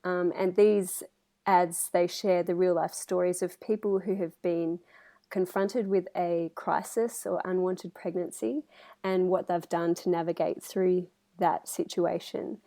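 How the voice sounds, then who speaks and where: A woman's voice: fairly low pitch, steady tone, unhurried, creaky, warm tone. A woman talking casually as a podcast guest over a video call. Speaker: podcast guest, writer and communications specialist. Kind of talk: casual interview chat.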